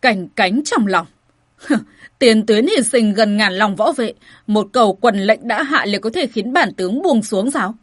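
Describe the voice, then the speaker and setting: A woman's voice: medium pitch, lively intonation, unhurried, breathy edge, dry recording, studio quality. A woman voicing a furious towering general. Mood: angry shouting. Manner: loud, cold and shouting. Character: towering angry male general in armor.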